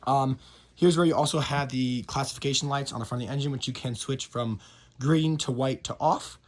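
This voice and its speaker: A man with a scratchy, hoarse voice, giving an enthusiastic casual review of a model train and stumbling over his words now and then. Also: mid-range voice, fairly quick. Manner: enthusiastic, with frequent fillers and restarts.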